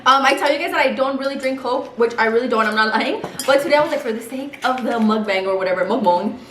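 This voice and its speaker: In her home-studio room, a young El Paso, Texas, beauty vlogger talks casually over a mukbang meal, weaving Spanish words into English. She speaks fast, in a fairly bright voice on the high side. There's reverb and a little hiss or hum.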